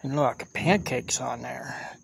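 A man giving casual snack tasting commentary as a vlogger, halting and repetitive as he thinks aloud outdoors. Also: medium pitch, vocal fry, slightly rough, dry recording. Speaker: food review vlogger. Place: outdoors at a picnic table in a park.

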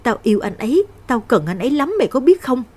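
A woman voicing a vengeful, lovesick young woman ghost in a spoken horror story, shrill and pleading. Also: sing-song, normal speed, breathy edge. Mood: anguished.

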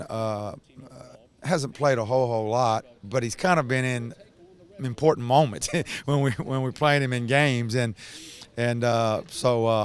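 In an empty indoor arena, a basketball head coach in his sixties gives a post-game interview into a handheld reporter mic. His medium-pitched speech is halting, full of restarts and filler words.

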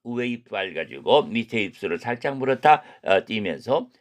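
A middle-aged man teaching a recorded pronunciation lesson, slowly drilling syllables and repeating each one with deliberate stress. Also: on the low side, big pitch swings. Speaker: language teacher.

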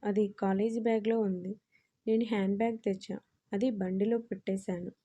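A woman's voice: medium pitch, flat delivery, a little fast, warm tone, lightly acted. A woman voicing an anxious young female student in an audio story, her speech pleading and nervous. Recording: dull lo-fi audio.

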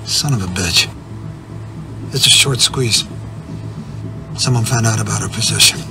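An actor playing a forceful, profane hedge fund boss in a TV drama. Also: male voice, fairly low pitch, slow pace, music in the background. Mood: angry. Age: middle-aged. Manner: blunt, commanding, profane.

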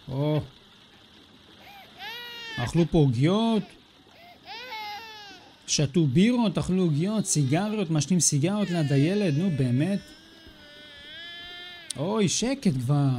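A man's voice: high-pitched, a little mellow, slight background noise. A man hosting a let's play, giving casual, sarcastic commentary that mocks the game character. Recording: faint game music in the background.

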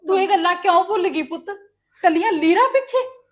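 A woman's voice: very high voice, animated, a little fast. A woman with a Punjabi accent playing a mother who earnestly lectures her daughter in a family drama. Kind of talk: scripted family drama acting.

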